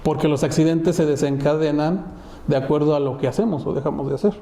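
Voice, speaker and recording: A man's voice: a little high, fairly even intonation, fast talker, creaky, dark tone, roomy sound, slight background noise. A man co-hosting a webinar, chiming in with short agreements and posing reflective questions in a conversational way. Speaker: webinar co-host.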